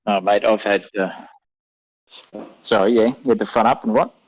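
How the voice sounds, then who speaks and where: Male co-commentator, broad Australian accent, lowish pitch, dry close sound, casual and blokey. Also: moderate pace, no room sound, poor audio. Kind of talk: casual sports commentary and chat.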